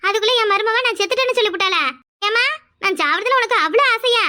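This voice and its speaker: A woman's voice: extremely high pitch, fast talker, bright, forceful tone. A woman voicing a boozy, sly old village grandmother in a cartoon, with a whiny, pleading rustic manner. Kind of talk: cartoon voice acting.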